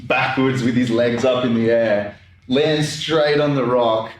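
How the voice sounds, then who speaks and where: A man casually telling a story in an animated way, acting out what people said. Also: medium pitch, a little slow, far from the mic, a little hiss or hum. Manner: animated, acts out quotes. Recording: very echoey room.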